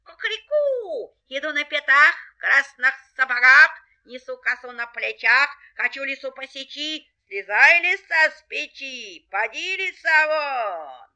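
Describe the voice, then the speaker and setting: A woman voicing a bold rooster who crows loudly and fearlessly announces himself. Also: high voice, sing-song, a little slow, pitched above the performer's own voice, full character voice. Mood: bold crowing. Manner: loud crowing, proud and fearless. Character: bold, loud rooster hero with a scythe.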